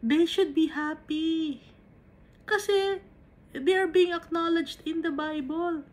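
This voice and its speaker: High-voiced Filipino woman teaching the Bible. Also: takes it slowly. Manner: mixes Tagalog and English, rhetorical questions, lively emphasis.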